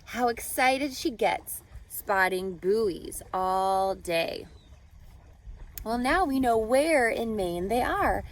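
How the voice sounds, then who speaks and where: A woman with a voice on the high side reads a picture book aloud, teacher-style, to children. She phrases each line with care and expression, breaking off to put questions to the kids.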